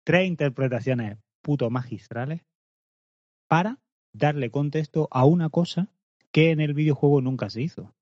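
Excitable Spanish podcast host, lo-fi. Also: male voice, on the high side, normal speed, no echo. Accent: Spanish from Spain. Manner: excitable, swears freely, laughs often. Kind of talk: casual chat.

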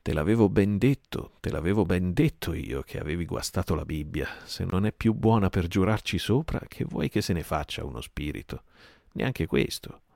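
A man voicing a gruff, defiant one-legged pirate captain in a storybook reading, blustering and rallying his crew. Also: low voice, big pitch swings, moderate pace, a little mellow, no echo, studio quality, exaggerated voice.

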